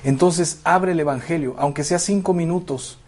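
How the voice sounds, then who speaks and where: A man preaching a sermon to parents, addressing listeners as brothers and sisters in a slow, emphatic pastoral manner. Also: a little high, a little mellow.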